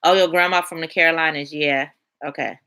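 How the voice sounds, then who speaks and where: Woman, livestream host, casual chatty talk, bright forward voice. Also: sits low, fairly even intonation, a little fast. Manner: chatty, colloquial, talks to viewers by name. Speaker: livestream host reading chat. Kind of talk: casual live-stream chat.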